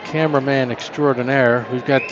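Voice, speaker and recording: A man's voice: mid-range voice, fairly even intonation, normal speed, lo-fi sound. Male basketball play-by-play man, noisy gym. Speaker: play-by-play sports broadcaster. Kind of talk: live basketball commentary. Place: indoor high school gym. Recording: clear background noise from gym.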